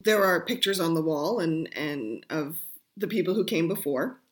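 A woman's voice: deep voice, expressive, moderate pace. A woman hosting a radio talk show, asking musing questions with playful asides. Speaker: radio host. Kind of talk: casual radio interview.

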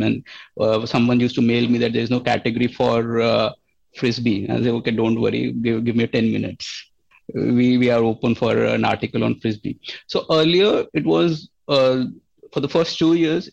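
A man's voice: mid-range voice, gravelly, darkish tone. A man, a company founder in an interview, explaining earnestly and often restarting his sentences. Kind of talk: casual interview answers. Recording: slightly dull lo-fi sound.

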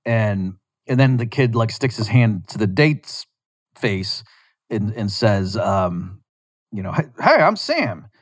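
A man hosting a show, casually retelling a scene from a show in a rambling, animated way with lots of restarts. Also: lowish voice, takes it slowly, no room sound, clean studio sound. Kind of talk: casual storytelling monologue.

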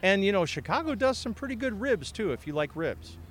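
Man co-host, self-deprecating and rambling, lively higher voice, faint street noise. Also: fairly quick. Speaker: podcast co-host. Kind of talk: casual chat outdoors. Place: outdoors in a busy city park.

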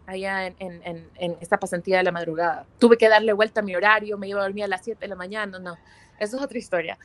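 A woman's voice: mid-range voice, rough recording. A young woman from Ecuador, a missionary guest telling her personal testimony in an interview and acting out the conversations she recalls. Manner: lively storyteller who acts out quoted dialogue.

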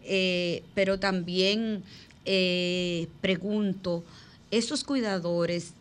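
A woman hosting a radio talk show, asking measured questions with thinking pauses. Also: fairly low pitch, steady tone, slight background noise.

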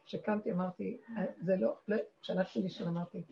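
A woman's voice: medium pitch, steady tone, vocal fry. A woman teaching a women's spiritual class, earnest and encouraging. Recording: dull recording with faint background noise.

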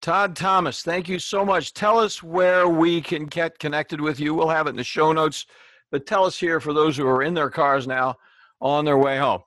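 A podcast host with a fairly high male voice speaks at a moderate pace, his intonation fairly even and his tone a bit bright. He chats casually through an interview, rambling with frequent restarts and asides, then closes the show with a scripted outro. The studio sound is clean, with no echo.

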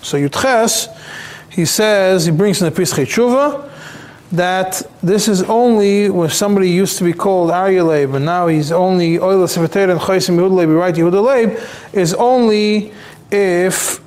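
A man teaching a religious text class, explaining slowly, restarting phrases and repeating words as he goes. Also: high-pitched, darkish tone. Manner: halting, repeats words, many fillers. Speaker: rabbi teaching a Talmud class. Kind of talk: explaining halachic texts to a class.

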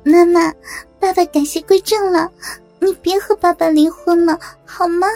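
A woman doing a sobbing, high-pitched teenage daughter. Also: steady tone, normal speed, a little mellow, faint music behind. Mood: tearful pleading. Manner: sobbing, stammering. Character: tearful pleading teenage daughter.

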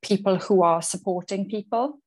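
A woman's voice: mid-range voice, normal speed, darkish tone, husky. A middle-aged woman with a South Wales Valleys accent, chatting as a guest in a podcast interview. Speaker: podcast guest, wellbeing coach. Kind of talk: conversational interview.

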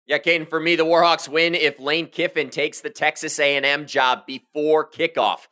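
A man co-hosting a college football podcast, steering segments and tossing in quick jokes. His voice sits a bit high and sounds bright and forward. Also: flat delivery. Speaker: podcast co-host. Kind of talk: sports podcast chat.

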